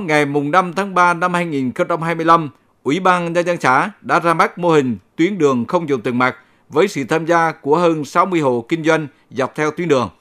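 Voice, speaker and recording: A man with a somewhat high-pitched voice presents local radio news. He reads from a script in a formal announcer's style, keeping his delivery measured and orderly. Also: fairly bright tone.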